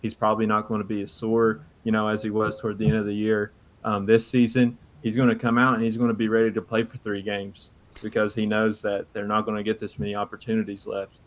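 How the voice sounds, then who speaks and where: A man's voice: fairly low pitch, completely flat delivery, quick pace, few pauses. A man co-hosting a sports podcast, talking football casually in a rambling way. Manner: rambling, many fillers and restarts. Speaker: podcast co-host. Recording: dull lo-fi mic audio.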